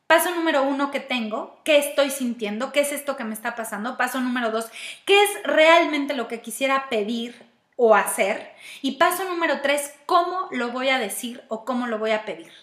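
A woman speaking English with a Mexican Spanish accent gives reflective self-help advice on personal growth, using a high, fairly bright voice with lively intonation at normal speed. She goes through steps and asks herself questions out loud. Echo fills the room.

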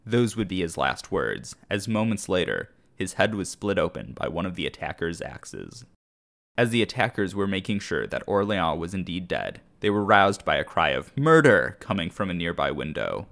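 A man hosting a history podcast, telling the story in a measured, scripted narration. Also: deep voice, sing-song, vocal fry. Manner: measured storytelling, briefly acting out shouted quotes.

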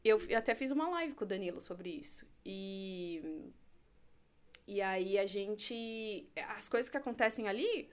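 A woman's voice: mid-range voice, unhurried, clean tone. A woman psychologist and hypnotherapist, talking casually as a podcast guest and acting out the scenes she describes. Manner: animated, acts out scenes and quotes.

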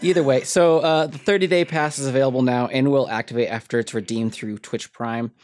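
A woman co-hosts a laid-back gaming podcast and runs through the week's news. Her delivery is relaxed and chatty, with dry little asides between items. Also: a bass voice, brisk. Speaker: podcast co-host. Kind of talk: casual chat.

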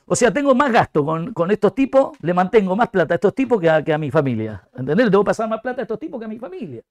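A man with a Rioplatense Argentine accent delivers a comic rant in a high, lively voice that leaps up and down. He talks like an outraged football fan, loud and over the top. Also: very fast. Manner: loud ranting football fan, animated and exaggerated. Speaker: comic talk show host.

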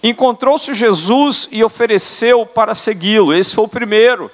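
Older male apostle, high-pitched, earnest sermon delivery, church hall reverb. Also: normal speed. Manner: earnest preaching, tag questions. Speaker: apostle preaching. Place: church sanctuary.

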